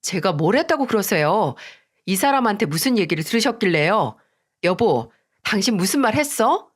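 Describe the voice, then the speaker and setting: A woman reading as a resentful daughter-in-law in a radio story, curt and dismissive. She talks back at an ordinary middle pitch, defensive and cold. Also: very animated, normal speed, husky. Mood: curt defiant. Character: defiant, resentful young wife and daughter-in-law. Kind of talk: Korean radio story drama.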